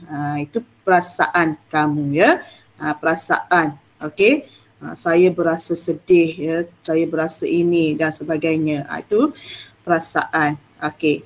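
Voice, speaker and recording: A woman's voice: lowish voice, husky. A woman teacher with a Malaysian accent, coaxing her students through an online lesson in a chatty way with many "ah" fillers.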